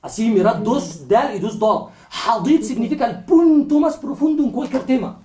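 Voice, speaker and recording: A woman's voice: on the high side, expressive, moderate pace, warm tone, reverberant, far from the mic. A woman teaching Arabic pronunciation in a call-and-repeat lesson. She patiently repeats each sound several times and keeps checking in with "¿de acuerdo?".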